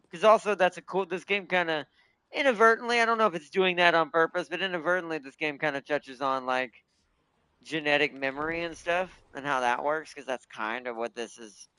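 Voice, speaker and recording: A man's voice: a little high, a little fast, bright, forceful tone, clean tone, no echo, low-quality recording. Man rambling through casual gameplay commentary. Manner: rambling, thinking aloud about game lore. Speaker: gaming video host.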